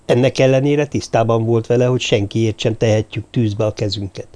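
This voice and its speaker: A man narrating a novel in a steady storytelling manner. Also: mid-range voice. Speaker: audiobook narrator. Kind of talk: scripted narration.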